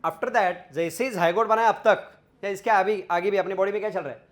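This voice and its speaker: A man with an Indian accent teaching biology to a class, coaxing students to answer and repeating his words in quick Hindi-English. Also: high voice. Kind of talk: classroom lecture quizzing students.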